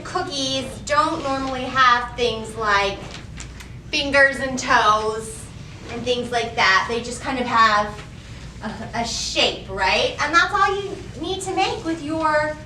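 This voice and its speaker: A children's library storytime host with a high, animated voice takes things slowly, her tone bright and forceful. In a sing-song, questioning manner she gives instructions and reads picture books, captured by a distant mic in a roomy space with faint background noise.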